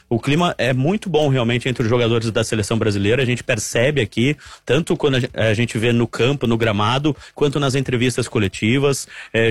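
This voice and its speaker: On a football talk show, a middle-aged Brazilian man gives live analysis of the national team. His mid-range voice, recorded dry, is chatty and explanatory, and he repeats points for emphasis.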